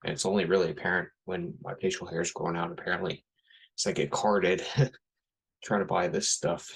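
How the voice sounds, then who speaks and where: A man in his thirties rambles through a blunt, casual solo talk, piling up fillers and restarts. His voice sits low and carries a gravelly fry with a husky edge. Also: little pitch movement, moderate pace, low-quality recording. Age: 30s. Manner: rambling, blunt, frequent fillers and self-corrections. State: has a headache. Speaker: podcast host. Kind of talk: casual spoken monologue.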